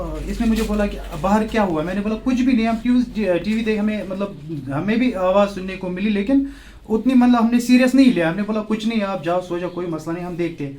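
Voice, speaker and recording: A young man, a shop owner giving a halting, urgent account in an outdoor news interview. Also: high voice, darkish tone, a little hiss or hum. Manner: halting, with many fillers, growing urgent. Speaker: shop owner telling of a fire. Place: outdoors beside a burnt shop.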